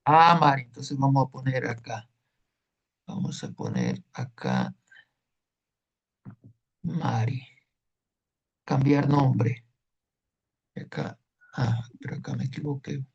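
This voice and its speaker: A man's voice: medium pitch, gravelly, husky, dull audio. A man teaching a Hebrew class online, explaining patiently and checking in with listeners as he goes.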